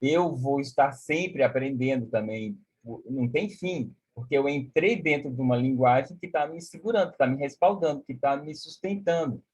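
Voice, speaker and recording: A man's voice: medium pitch, normal speed, few pauses, darkish tone, slightly rough. A man giving a live online music lesson, explaining concepts with many "né?" and singing solfège syllables. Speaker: music teacher. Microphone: video call.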